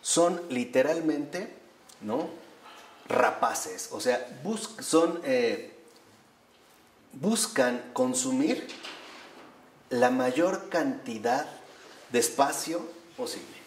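A man's voice: mid-range voice, animated, very slow, pauses often, a little hiss or hum. A man gives an explanatory talk to a live audience and often ends his points with a tag question. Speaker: lecturer. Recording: roomy echo with faint ambience.

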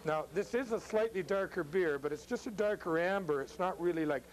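A middle-aged chef hosts a cooking demonstration in an indoor restaurant bar room, chatting casually and jokily into a lapel mic. His voice sits high and he talks fairly quickly, on a rough recording.

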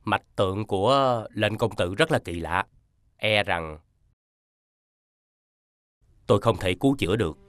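A man's voice: on the low side, normal speed, fairly bright tone, dry recording, studio quality, natural voice. A man voicing a grave old village physician. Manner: solemn, formal.

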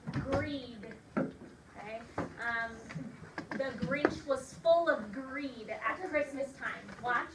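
High-voiced teacher in an echoey classroom. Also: female voice. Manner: slow, sound-by-sound modeling of words; clear, encouraging prompts to children. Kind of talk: classroom phonics dictation lesson. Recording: echoey room, distant mic, loud hiss.

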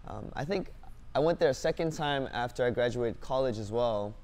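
A young man, a singer-songwriter born in South Korea and raised in Canada, answering interview questions in a relaxed, upbeat way with lots of fillers, on a lapel mic in a dim studio. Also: medium pitch, normal speed. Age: young adult. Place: dim indoor studio set.

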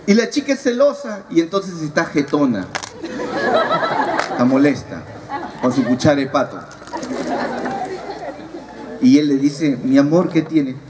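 Joking male preacher with a lively voice. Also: on the high side, unhurried, pauses often. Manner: joking, teasing the audience. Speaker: speaker at a youth retreat. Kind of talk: humorous preaching talk. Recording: distant mic, audible crowd, noisy.

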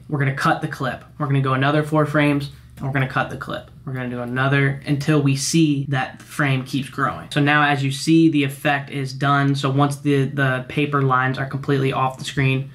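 A young man records a screen tutorial from his home desk, talking through each step at a middling pitch. His delivery is casual and instructive, with slangy asides between the technical directions. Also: level tone, normal speed, a bit bright. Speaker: video editing tutor.

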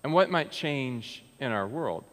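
Here a mid-range male voice with lively intonation moves at a measured pace: an American pastor in his thirties giving a sermon from the pulpit of a large sanctuary. He talks earnestly and conversationally, frequently starting over. A pulpit mic and a distant camera catch him, and the church's reverb lingers long.

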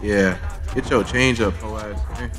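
A man's voice: on the low side, fairly even intonation, measured pace, a bit bright, faint music behind. A man voicing a cocky, threatening young street bully in an overacted anime dub parody, taunting and swearing. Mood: scornful, threatening.

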